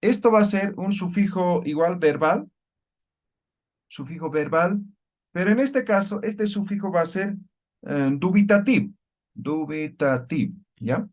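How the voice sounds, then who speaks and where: Higher-pitched male teacher quizzing his class. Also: a little slow. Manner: explains step by step and keeps checking with the class through questions. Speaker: language teacher. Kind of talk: classroom lecture.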